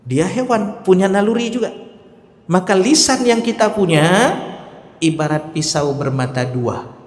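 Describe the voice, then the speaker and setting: A male preacher with an Acehnese accent giving a sermon, emphatic, repeating key phrases and swinging between loud and soft. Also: mid-range voice. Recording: echoey hall.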